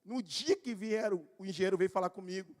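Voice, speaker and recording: A male pastor with a rather high voice, preaching live to his church. He tells his stories conversationally, addressing people by name, and pushes into shouted emphasis at key points. His voice rings with the long reverb of a church hall. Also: fairly quick. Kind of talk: live church sermon, personal storytelling.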